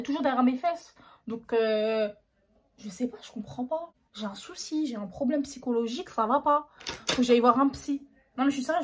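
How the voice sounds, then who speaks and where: A young woman, chatting casually and dramatically while doing her makeup at home, sarcastic and quick to laugh. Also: fairly high pitch, slight background noise. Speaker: beauty vlogger.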